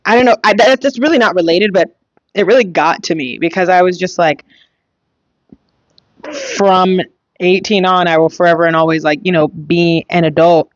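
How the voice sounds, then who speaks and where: A young woman hosts a casual solo monologue, chatty and rambling, full of fillers and half-finished thoughts. Her voice sits on the low side. The sound is dry and a little muffled, with no room around it. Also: normal speed, no echo. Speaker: podcast host.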